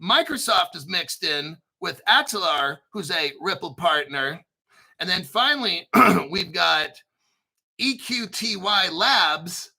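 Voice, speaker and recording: Guy doing informal crypto commentary, high voice w lots of gravel, excitable n sweary. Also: slow, rough recording. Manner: excitable, swearing, sarcastic asides; frequent throat clearing. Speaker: crypto video host. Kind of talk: informal commentary reading through articles.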